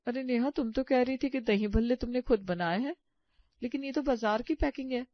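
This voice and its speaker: A woman's voice: fairly high pitch, fairly quick, no echo, close to an everyday voice. A woman voicing a teasing young sister-in-law who talks in a chatty, mocking way, on a dull, lo-fi recording. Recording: dull lo-fi sound.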